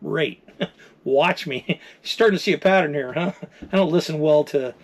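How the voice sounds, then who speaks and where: A man's voice: a little high, normal speed. Determined man in his fifties telling his story. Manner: candid, determined storytelling with fillers and asides. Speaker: RV travel vlogger. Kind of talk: personal story told to camera.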